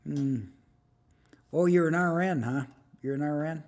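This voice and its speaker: A man in his seventies hosting a casual livestream, chatting with viewers and firing off quick questions. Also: on the high side, a little mellow. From United States. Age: 70s. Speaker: livestream host.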